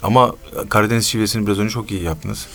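Quick low-voiced male radio co-host. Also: creaky, a bit bright. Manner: friendly, affirming, asks questions. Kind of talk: casual interview chat.

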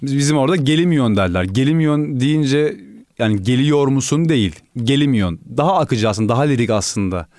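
A man's voice: mid-range voice, animated, fairly quick, a little mellow, dry recording, clean studio sound. A man from the Aegean region of Turkey, a music researcher chatting on radio in a joking, deferential way. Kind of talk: casual radio chat.

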